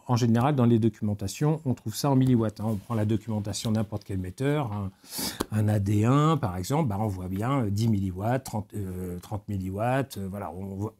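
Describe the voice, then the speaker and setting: A man from France leads a technical webinar lecture with a warm, darkish tone and a middling pitch. He explains step by step, pausing on fillers and dropping joking asides along the way. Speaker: technical specialist presenter.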